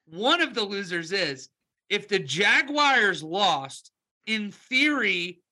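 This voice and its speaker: Bright high-voiced man talking football. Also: big pitch swings, slow pace. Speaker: podcast co-host, picks analyst. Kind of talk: casual sports podcast talk.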